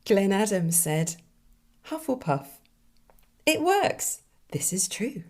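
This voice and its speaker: A woman hosting a writing podcast, musing enthusiastically over listener submissions with soft asides. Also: mid-range voice, sing-song, slow pace. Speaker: podcast host and fantasy author. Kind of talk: reading listener submissions and commenting.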